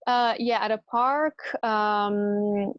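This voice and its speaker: A woman's voice: medium pitch, fairly even intonation, drawn-out words, dry recording, dull audio. A woman from the Netherlands, a yoga teacher, chatting casually as an interview guest and laughing often.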